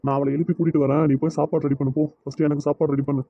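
Teasing cartoon dad, played by a man, fairly high voice, dull lo-fi sound, Kanyakumari Tamil accent. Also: rapid-fire, vocal fry, breathy edge, dry recording. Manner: calm, teasing. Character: easygoing father, indulgent and teasing.

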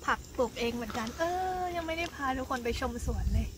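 A woman's voice: fairly high pitch, lively intonation, fast. A young woman hosting a casual camping vlog, cheerfully addressing viewers at an outdoor lakeside campsite. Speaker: vlog host. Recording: outdoor recording with clear background noise.

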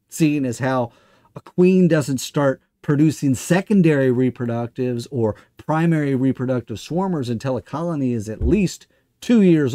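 A man's voice: medium pitch, darkish tone, no room sound. A middle-aged man hosting a commentary show, delivering a scripted rebuttal in a smug, sarcastic, mocking and emphatic way. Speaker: livestream host and commentator. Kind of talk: scripted monologue rebuttal to camera. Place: small indoor studio.

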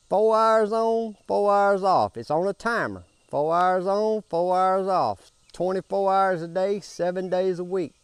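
An older man with a high-pitched, darkish voice gives a folksy, casual how-to talk beside his backyard pool, with no echo. The homestead vlogger addresses a camera a few feet away in a down-home manner, repeating himself.

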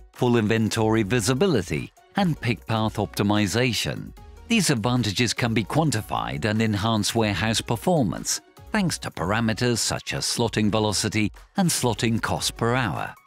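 A man reading a scripted corporate voice-over with clear, evenly paced promotional delivery. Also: fairly low pitch. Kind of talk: scripted narration. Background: soft background music.

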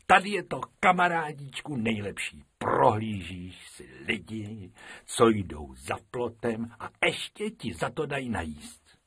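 A man's voice: fairly low pitch, big pitch swings, fairly bright tone, husky, dry recording, studio quality, exaggerated voice. A man voicing an eager, boastful little boy rabbit in a storybook, chummy and know-it-all. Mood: chummy boasting.

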